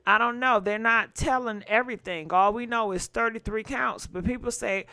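Chatty woman host, bright and crisp. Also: a little high, moderate pace, no room sound. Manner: chatty, asks viewers questions. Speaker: gossip channel host. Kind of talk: casual commentary to viewers.

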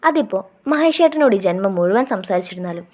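A woman reading a first-person romantic story aloud in a soft storytelling way. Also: mid-range voice, expressive, quick pace. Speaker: story narrator.

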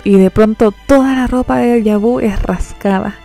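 Woman narrator, comic retelling, gravelly voice, faint music behind. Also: on the high side, moderate pace. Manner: lively retelling, sets up each quote.

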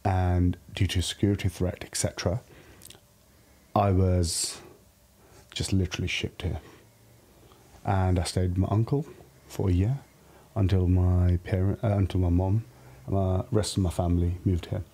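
In a podcast studio with a studio podcast microphone, a Pakistani man from Lahore in his early thirties reflects informally on his life as a guest. His deep voice is mellow and slightly rough, steady in tone and moderate in pace.

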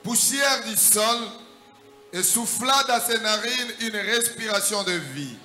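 Man, scripture reader, slow measured reading, bright high voice, roomy echo, music.

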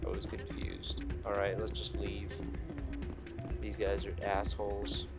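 A gaming video host gives casual, rambling, sweary let's play commentary while playing a video game, with faint game music in the background. His voice is fairly low, completely flat in delivery, and a little slow.

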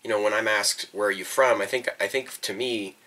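Speaking a little fast, this young man's fairly low, sharp-toned voice stays fairly even as he thinks aloud about his hometown. He's a vlogger filming a reflective personal documentary in a small bedroom, and he hesitates and repeats words along the way.

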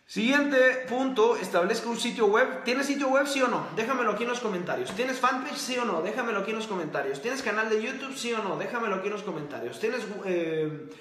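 A man's voice: high-pitched, lively intonation, a bit bright, roomy sound. A man hosting a motivational talk to camera, speaking emphatically, repeating key phrases and throwing yes-or-no questions at his listeners. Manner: asks the audience quick yes-or-no questions.

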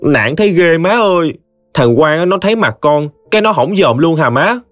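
Brief: male narrator voicing a high, lively, defiant young bride with a Southern Vietnamese accent, in a dry audiobook read. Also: moderate pace, no room sound, faint music behind, natural voice. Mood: whining. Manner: whiny, defiant. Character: sulky sharp-tongued young bride, woman.

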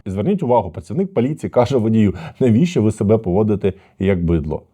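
A man, a lawyer, commenting on a dashcam video and calmly explaining to viewers what went wrong. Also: on the low side. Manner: measured, explanatory, addresses viewers as friends.

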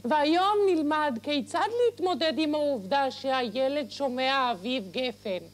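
A fussy Israeli mother in the grandma mould, played by a man, speaks in a very high voice. She nags and scolds dramatically, insisting on each point by saying it again, in the manner of a TV comedy monologue. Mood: fussy advising. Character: fussy, nagging middle-aged Israeli Polish mother, Israeli grandma type. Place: TV studio, seated at a desk. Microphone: lapel mic.

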